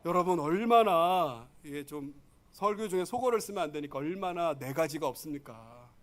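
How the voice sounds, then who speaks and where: A male pastor delivers a lively sermon, building to emphatic peaks and often turning questions to his congregation. His voice sits high for a man. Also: normal speed. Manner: animated, rising to emphatic peaks.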